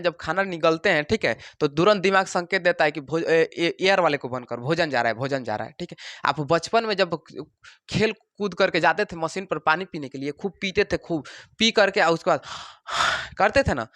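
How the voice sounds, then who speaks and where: A man teaching a science class, animated and joking, acting out the parts of the body as little characters and checking again and again that the students follow. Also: high voice, normal speed, no echo. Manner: keeps asking if students understood. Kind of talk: classroom lecture.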